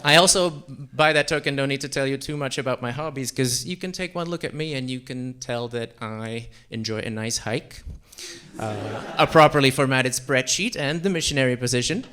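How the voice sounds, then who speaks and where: Bright-voiced stand-up comic from Central Europe. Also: male voice, mid-range voice, moderate pace, clear, resonant tone. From Czech Republic and Slovakia. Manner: deadpan, self-deprecating, with fillers. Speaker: stand-up comedian. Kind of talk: stand-up comedy set. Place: comedy club stage.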